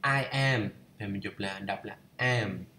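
A man's voice: fairly low pitch, takes it slowly, pushed and bright, echoey room, slight background noise. A man teaching English, reading a lesson aloud and patiently repeating each pronunciation. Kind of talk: bilingual lesson read-through.

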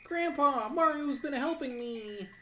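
A woman voicing a naive, excitable young male tadpole child from a video game, eager and exclamatory. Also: sits high, measured pace, slight background noise, pitched above the performer's own voice. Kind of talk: dramatised video game dialogue reading. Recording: music behind the voice. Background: plucked-string game music.

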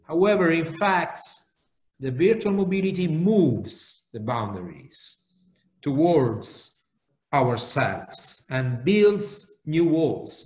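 A middle-aged man on a video call from an office, making earnest, argumentative panel remarks with frequent fillers. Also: on the high side. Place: office with bookshelves. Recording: echoey room.

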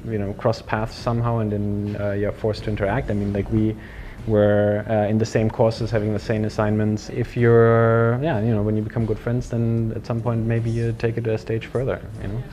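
A man from Germany in his thirties, chatting casually in an interview, relaxed and hesitant, filling his speech with "you know.". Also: fairly low pitch, moderate pace, few pauses, a little hiss or hum. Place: indoor lounge on a sofa.

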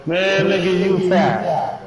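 A man's voice: sits high, animated, takes it slowly. A young man playing a video game with a friend, chatting casually, boasting about his building and teasing his buddy. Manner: boastful, teasing, laid-back. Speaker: co-player. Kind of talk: casual gaming chat. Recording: loud crowd noise behind.

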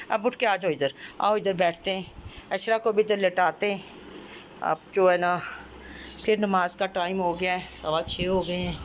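Woman vlogging at home over background noise. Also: lowish voice. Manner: coaxing and soothing a crying child. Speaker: family vlogger. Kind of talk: casual home vlog narration. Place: family home indoors. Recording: noisy home phone recording.

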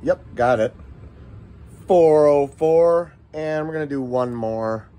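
Slow and mellow, his voice a little high, the American airgun dealer in middle age chats through his laid-back demo vlog. He wanders folksily from point to point while going over shot results.

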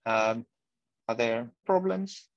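A man giving a halting academic seminar talk over a video call, with glitchy audio that keeps cutting out. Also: mid-range voice, animated, dry recording. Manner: halting, many fillers. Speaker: seminar speaker. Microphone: remote video call. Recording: dull lo-fi call audio with dropouts.

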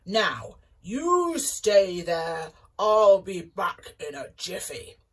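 A woman voicing a cheerful, lonely male giant who booms his words. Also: sing-song, very slow, full character voice. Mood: booming.

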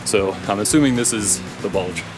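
A fairly low-pitched man speaks at a moderate pace over music. He's in his thirties and narrating his hike along a forest trail for a vlog, talking casually and thinking aloud into a handheld pole-mounted action camera.

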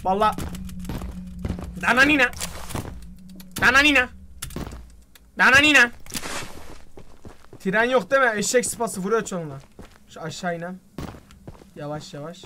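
A man streaming a game live, excitable and joking, often shouting at what happens on screen. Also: extremely high pitch, measured pace, pauses often. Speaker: gaming streamer. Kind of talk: live gameplay commentary. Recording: game sounds and noise under the voice.

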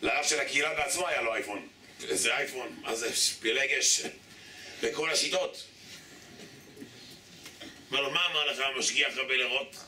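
A rabbi with a sharp, mid-range voice delivers a forceful Torah lesson with long pauses, telling stories, voicing their characters and making repeated appeals to listeners. He stands away from the mic in an echoey hall, with faint hiss audible.

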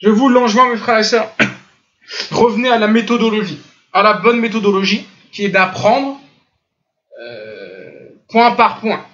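French guy giving an online lesson, keeps correcting letters by sounding them out, high bright voice, muffled chat-room audio. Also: animated, unhurried, pauses often. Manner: corrects pronunciation by demonstrating sounds, emphatic and insistent. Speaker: Islamic teacher. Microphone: computer mic in online voice chat room.

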